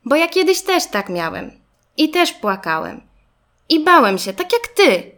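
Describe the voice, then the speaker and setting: A woman's voice: sits high, big pitch swings, unhurried, a bit bright, voice pushed up, full character voice. A woman voicing a friendly, reassuring little boy car in a children's storybook, eager and upbeat. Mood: kind. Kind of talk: storybook reading.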